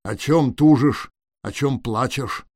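Big storybook bear, read by a man: calm and slow. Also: mid-range voice, no room sound, clean studio sound.

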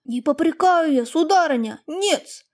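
Here a woman narrates an audiobook, raising her pitch above her own for a meek, fawning older peasant man who speaks plaintively and with deference. Her high-pitched, animated delivery is measured in pace, and the mood is sorrowful.

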